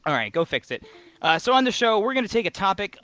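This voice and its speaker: A man hosting a casual gaming podcast, energetic and joking, laughing often. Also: high voice, quick pace. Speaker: podcast host.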